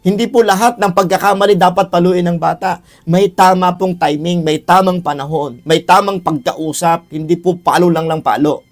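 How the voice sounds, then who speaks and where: A man teaching a Bible lesson, earnest, calling his listeners brothers and sisters and repeating key phrases for emphasis. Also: fairly high pitch. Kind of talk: Bible teaching on child discipline. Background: faint music.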